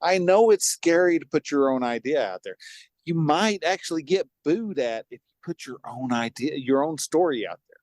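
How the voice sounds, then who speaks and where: Podcast co-host: upbeat man with a slightly high voice, recorded dry. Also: normal speed, no echo. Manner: animated, laughs often, jumps between topics. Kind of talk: casual chat.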